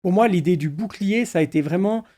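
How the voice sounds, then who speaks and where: A middle-aged male pastor speaking calmly and thoughtfully in a conversation. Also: high-pitched, a little fast. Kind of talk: reflective conversation.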